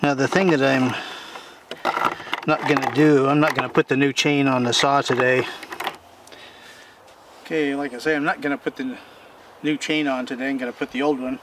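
Standing in his backyard, an older man who runs a homesteading channel walks through a repair job as a casual how-to, folksy, rambling and plain-spoken. His pitch is ordinary for a man, his pace moderate with long pauses, and the camera mic catches him from a few steps off, far away, with steady outdoor noise underneath.

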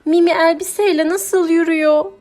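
A woman voicing a vain, stubborn female cow who exclaims loudly and whines in drawn-out words, in a children's audiobook. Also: sits high, soft background music, voice pushed up, close to an everyday voice.

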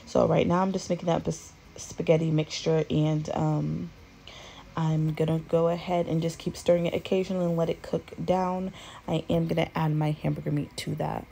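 A woman's voice: low-pitched, normal speed, gravelly, a little hiss or hum. A woman, chatting casually as she walks through a recipe at her home stove. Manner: relaxed, chatty, lots of fillers. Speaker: cooking vlogger. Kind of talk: casual cooking narration. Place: home kitchen.

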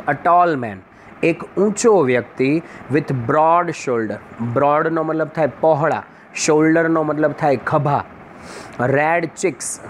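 A male teacher lectures at a slow, careful pace. He sits a little high in his register and reads each English phrase word by word before explaining it. Faint traffic noise runs under the recording.

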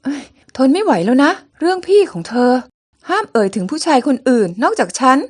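A woman's voice: high voice, animated, brisk, darkish tone, husky, exaggerated voice. A woman voicing a young, hot-tempered and possessive male pharaoh who speaks in a commanding, jealous way. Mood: possessive, stern.

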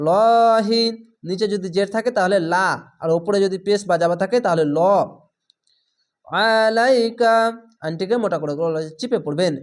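Man teaching careful drawn-out recitation. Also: high voice, darkish tone. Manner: slowly draws out each recited word, then explains plainly. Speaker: Quran reading teacher. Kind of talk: step-by-step recitation lesson.

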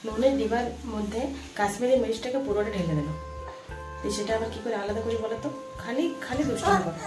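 A woman vlogging her daily chores, chatting to viewers step by step as she films on a phone. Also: mid-range voice. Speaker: home vlogger and mother. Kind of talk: casual daily-life vlog narration. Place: at home and out shopping.

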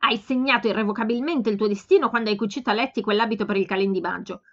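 A woman's voice: mid-range voice, rapid-fire, close to an everyday voice. A woman reading aloud and voicing a blunt, outspoken young woman who insistently scolds her older sister, in a slightly dull home recording.

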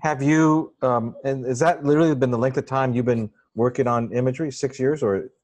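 A man's voice: medium pitch, fairly even intonation, fairly quick, darkish tone. A man hosting a casual video call chat, effusive and enthusiastic, often searching for words. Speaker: host interviewing a photographer.

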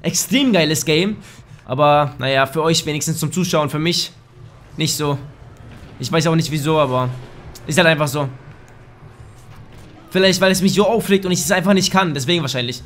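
A young man giving crude, excitable let's play commentary in a slightly hoarse voice, now and then bursting into shouts. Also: a little high, normal speed, pauses often, soft background music. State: a bit hoarse. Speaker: gaming YouTuber. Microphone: desk microphone.

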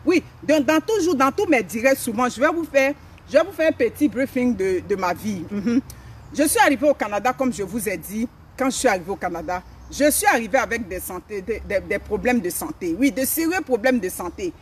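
Animated and fairly quick, a middle-aged African woman with a slightly high voice hosts a motivational forest live stream, emphatic and repetitive in her phrasing. A phone camera a few steps away records her, with a little hiss or hum audible.

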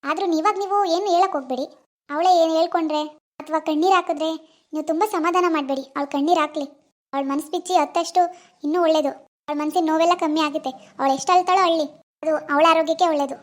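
A woman doing a reassuring cartoon doctor with a very high, quick voice. She lays out her advice point by point, calm and steady. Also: close to an everyday voice. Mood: instructive.

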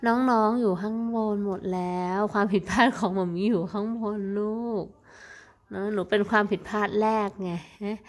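A woman speaking quietly and gently to her pet cat in soft baby talk. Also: medium pitch, steady tone, normal speed. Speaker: cat owner vlogger.

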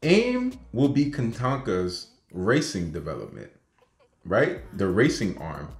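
Animated man, echoey room. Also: medium pitch. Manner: animated, excitable, often asks "right?". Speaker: vlogger. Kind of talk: casual design talk to camera. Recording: echoey room with faint music.

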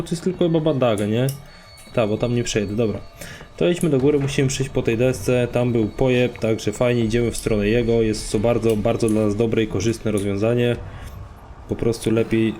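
A man commentating his own gameplay, swearing a lot, excitable and talking to himself and his viewers. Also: medium pitch, moderate pace. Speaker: let's play gamer.

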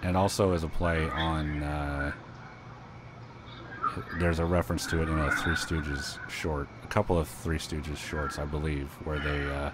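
A man's voice: very deep voice, little pitch movement, a little slow, heavy background noise. A man casually commenting while playing a video game, rambling and joking as he reads the screen text aloud. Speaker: gaming video host. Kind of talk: casual let's play commentary. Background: loud game music.

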